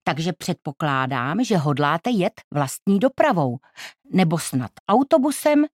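A woman's voice: lowish voice, sing-song, a little mellow, no echo, studio quality. A woman doing a polite, elegant travel agent. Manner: polite, businesslike.

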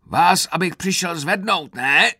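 A man's voice: lowish voice, animated, sharp tone, no room sound, studio quality. A man voicing a short, stocky drill sergeant who bullies recruits with barked orders. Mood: bellowing. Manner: bellowing commands, sneering. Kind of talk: audiobook character voice.

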